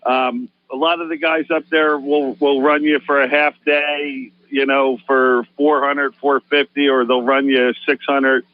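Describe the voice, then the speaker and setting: An easygoing man of middle pitch talks through his fishing charter as a radio guest, pausing on plenty of fillers. The sound is dry and dull, with a lo-fi radio quality. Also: flat delivery, no room sound. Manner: easygoing, explains at length with many fillers. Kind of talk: casual radio interview. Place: radio studio.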